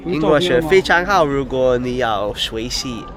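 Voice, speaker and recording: Casting: British man, twenties, English-native travel vlogger, halting foreign-accented Mandarin, casual street chat outdoors over clearly audible music. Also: mid-range voice, lively intonation. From United Kingdom. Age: 20s. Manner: simple broken phrases with repeated searching for words.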